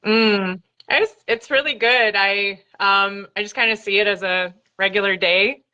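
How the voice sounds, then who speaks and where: A woman's voice: medium pitch, a little slow, pushed and bright, clean tone. A woman from North Carolina, a guest practitioner on a video call, thoughtful and hesitant with frequent giggles. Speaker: guest, body talk and IFS practitioner. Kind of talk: casual interview chat. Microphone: remote video call. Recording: dull lo-fi video-call audio.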